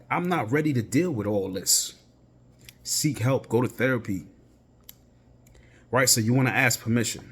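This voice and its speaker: A young man hosting his own podcast, talking casually and reflectively, rambling with restarts and frequent "right?". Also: medium pitch. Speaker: podcast host. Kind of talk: casual solo podcast talk.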